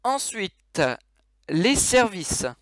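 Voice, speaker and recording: A man's voice: high-pitched, lively intonation, very slow, a bit bright, no room sound, studio quality. A man giving a casual game tutorial over his screen, explaining controls with many fillers and restarts.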